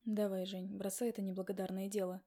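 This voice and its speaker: A woman's voice: medium pitch, little pitch movement, fast, mellow, lightly acted. A woman voicing an insistent husband who talks firmly and dismissively, in an audiobook. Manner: firm, dismissive, commanding. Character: stern insistent husband, adult man.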